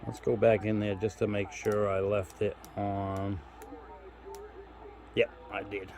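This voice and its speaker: Speaking slowly in a lowish, level voice with a darkish tone, a man who reviews radio gear on his channel gives a casual demo. He explains each step in a relaxed, homespun manner.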